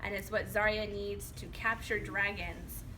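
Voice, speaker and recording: Indoors at a public library, a woman who writes children's books reads to a group of young kids, speaking in a conversational, encouraging and informal way. Her mid-range voice is unhurried with little pitch movement. Recorded far from the mic, the noisy room lets children and room noise come through clearly.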